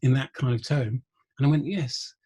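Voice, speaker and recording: A middle-aged man, a guest musician and researcher, telling wry anecdotes in an interview, often pausing with ums. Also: mid-range voice, fairly even intonation, warm tone, slightly rough. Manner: anecdotal, wry, laughs through stories, frequent ums. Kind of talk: conversational interview storytelling.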